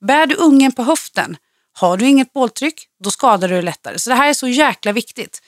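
Woman, trainer, lively storyteller, dry close mic. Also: high-pitched, no room sound. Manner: lively storyteller, swings up when excited. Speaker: personal trainer and podcast co-host. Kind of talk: casual podcast chat.

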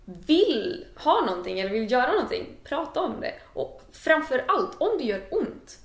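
A woman's voice: high-pitched, big pitch swings. A woman hosting a podcast, listening closely and asking follow-up questions in casual conversation. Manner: attentive listener, follow-up questions and short reactions. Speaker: podcast host. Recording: roomy echo.

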